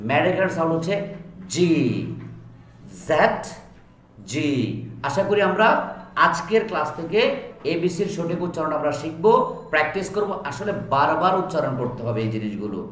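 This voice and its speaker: A man's voice: on the high side, animated, fast, fairly bright tone. A man teaching English pronunciation in a tutorial, carefully repeating each letter sound and mixing English phrases into his explanations. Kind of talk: slow classroom-style tutorial. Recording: echoey room with faint background noise.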